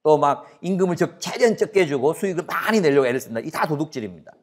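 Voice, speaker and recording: A male pastor in his forties delivers a sermon to students. His voice sits fairly high for a man and swings widely in pitch. He keeps throwing questions at the room and briefly acts out bickering scenes. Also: fast. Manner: animated, asks the audience questions, acts out quarrels.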